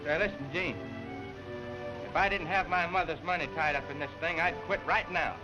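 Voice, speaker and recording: On a dull 1920s film soundtrack with music, an actor plays an earnest, worried young adult man who speaks eagerly. His voice is fairly high and moves at normal speed, in the style of early talkie sound.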